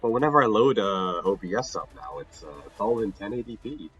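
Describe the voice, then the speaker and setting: Here the young streamer is very animated and brisk, his lowish voice fairly bright yet slightly rough. Tired, a bit sick and slightly nasal, he rambles through casual gaming chat, interrupting himself and laughing often, on lo-fi sound with soft music in the background.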